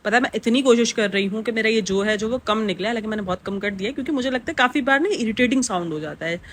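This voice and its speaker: A woman's voice: on the high side, very fast, slight background noise. A woman, rambling through a casual reaction vlog with lots of fillers. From Pakistan. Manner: chatty, rambling, with many fillers. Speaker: reaction vlogger.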